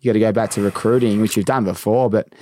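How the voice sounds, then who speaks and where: Fast-talking Australian male host. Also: on the low side, steady tone, warm tone. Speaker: podcast host. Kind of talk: casual interview chat.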